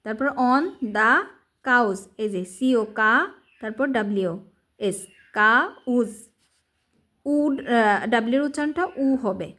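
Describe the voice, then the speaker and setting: A woman's voice: a little high, a little slow, a bit bright. A woman tutoring English reading, spelling each word letter by letter and asking herself how it is pronounced before answering. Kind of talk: spelling and sounding out words for a lesson.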